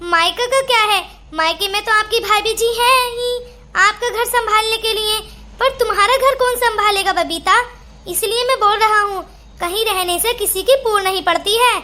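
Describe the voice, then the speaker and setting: A woman's voice: very high-pitched, moderate pace, bright, forceful tone. A woman voicing a playful, teasing young husband in a cartoon story. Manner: joking, teasing tone. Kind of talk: cartoon voice acting.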